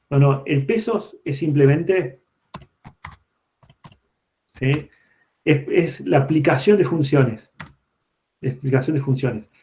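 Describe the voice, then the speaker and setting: A man's voice: on the high side, dark tone. A man giving an online university programming lecture, explaining step by step and often checking that students follow. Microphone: computer mic on a video call. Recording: dull lo-fi video-call audio.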